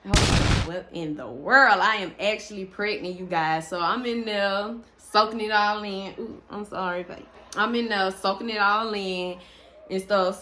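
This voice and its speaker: A woman's voice: lowish voice, a little hiss or hum. A young woman, casually telling a personal story to her viewers, chatty and full of fillers. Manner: chatty, animated, lots of fillers and restarts.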